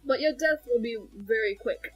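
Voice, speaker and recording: A cheerful, cruel cartoon killer promises a quick death in a sweetly menacing tone, as a young woman reads her lines aloud over a video. The voice sits a bit high, and faint music plays behind it. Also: natural voice. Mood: mock-reassuring.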